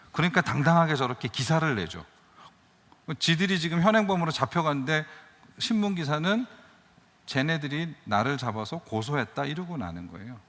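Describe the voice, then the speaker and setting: A middle-aged man gives a testimony sermon about his life as a missionary surgeon. His voice is lively and climbs loud, then sinks to a near murmur. The long reverb of a large church hall trails each phrase. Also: on the high side, vocal fry. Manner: earnest storytelling, swells loud then drops to a murmur. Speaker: missionary surgeon guest speaker.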